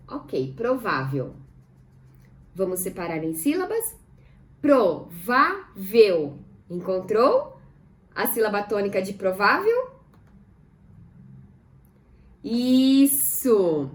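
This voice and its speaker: Slow, lively Brazilian woman teaching children. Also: fairly high pitch. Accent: Brazilian Portuguese. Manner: slow, syllable-by-syllable teacher talk with questions to pupils. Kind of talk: recorded lesson for children.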